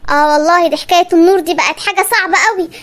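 A woman doing a gruff, grumbling Egyptian cartoon husband. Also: extremely high pitch, rapid-fire, a bit bright. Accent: Egyptian Arabic. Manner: grumbling, scolding. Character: grumbling middle-aged husband Hamokesha, gruff and testy. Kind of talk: cartoon comedy voice acting.

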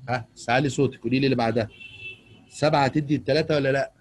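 This online tutor, a man with an Egyptian accent, teaches math to a young girl via video call and coaxes her with patient questioning. His medium-pitched voice stays fairly even in intonation but races along, a little mellow with a breathy edge.

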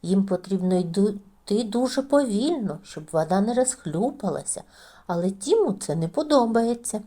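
A woman narrating a children's fairy tale in an expressive, animated storytelling manner. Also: medium pitch, normal speed.

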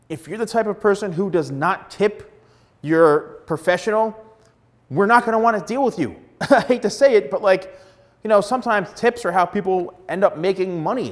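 A middle-aged man, a hairstylist, giving blunt, emphatic advice straight to camera on a lapel mic. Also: high-pitched. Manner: emphatic, blunt, repeats words for stress. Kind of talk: direct-to-camera advice vlog. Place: plain studio backdrop indoors.

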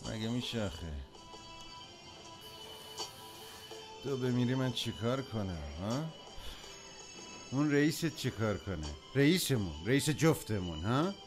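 A man dubbing a volatile drunk husband who snarls threats, swinging between shouting and low muttering, in a dubbed film. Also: animated, music in the background, close to an everyday voice. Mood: mocking. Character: volatile drunk man, Yusuf, bullying his wife. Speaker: dub actor.

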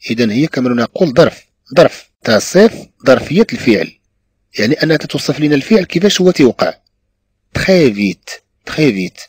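Husky Moroccan teacher, lively pitch. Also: male voice, no room sound. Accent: Moroccan Arabic. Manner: repeats each phrase slowly, switching between Arabic and French. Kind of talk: classroom lesson on French dictionary use.

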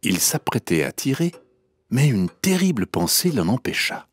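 A man reading a fairy tale aloud for children, in a gentle, unhurried, expressive storytelling manner. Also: medium pitch, faint music behind.

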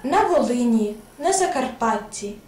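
A woman reads a prepared explanation briskly at a school event. Her voice sits on the high side. She is caught from a distance in an echoey hall with a faint hiss behind. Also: animated, a little mellow. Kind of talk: scripted recitation at a school event.

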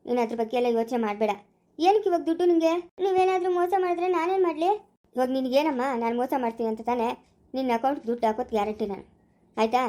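Field: figure, someone playing a soothing young husband; accent, Chikkaballapura Kannada; manner, soft and coaxing; pace, quick. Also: natural voice. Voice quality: soft, low-key and coaxing. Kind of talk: family home drama skit.

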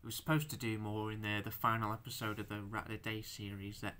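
A young man talking through his handmade stop-motion figures in a casual show-and-tell, halting and stammering, swearing now and then, self-conscious about speaking out loud. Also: fairly low pitch, flat delivery, a little hiss or hum.

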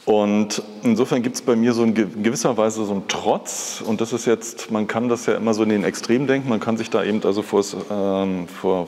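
Here an East German man in his fifties, an art patron, shares personal stories conversationally and reflectively as a guest in a live talk. His voice is on the low side with a darkish tone. It was recorded in a large indoor hall with glass fronts, and the sound echoes.

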